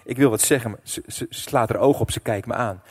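A middle-aged man preaching a sermon as pastor, telling a personal story with emotion, dropping to a hush and then rising loud. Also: medium pitch, fast talker, breathy edge. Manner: emotional storytelling, swinging between hushed and loud.

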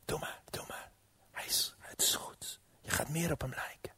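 A man voicing a sly male serpent who tempts in a coaxing, hushed whisper, as part of a sermon's acted story. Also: on the high side, lively intonation, unhurried, dry recording. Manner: wheedling, persuasive.

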